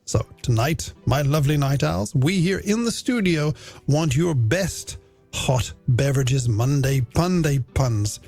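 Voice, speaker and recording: Over background music on a late-night radio broadcast, an Irish-accented man in middle age chats with listeners as though they were friends, joking at his own expense. He speaks unhurriedly and expressively in a voice on the high side with a darkish tone.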